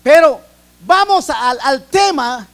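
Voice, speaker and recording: A man's voice: extremely high pitch, expressive, slow, a bit bright. A man from Guatemala with a Guatemalan accent, preaching a sermon in an earnest way, often repeating and restarting phrases. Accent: Guatemalan Spanish.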